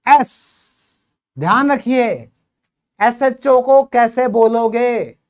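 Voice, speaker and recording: A woman teaching English in a video lesson, quizzing her learners and urging quick answers, repeating each word slowly for drill. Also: a little high, a little mellow. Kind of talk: classroom-style video lesson.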